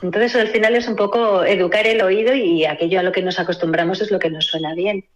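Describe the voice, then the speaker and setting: Expressive Spanish woman telling stories. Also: mid-range voice, fast talker, lo-fi sound. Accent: Spain Spanish. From Spain. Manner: expressive storyteller, acts out quoted voices. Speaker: guest, voice actress. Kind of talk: interview over a call.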